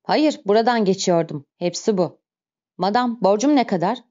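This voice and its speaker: Woman reading terse reserved male stranger, calm, mellow tone, dull lo-fi sound. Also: medium pitch, moderate pace, lightly acted. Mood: curt. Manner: curt, terse. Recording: dull lo-fi recording.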